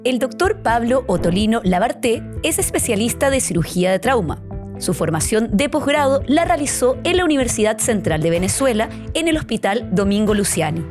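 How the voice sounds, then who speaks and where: A woman's voice: a little high, very animated, fairly quick, music in the background. A woman reading a guest's biography aloud as co-host. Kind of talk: read introduction.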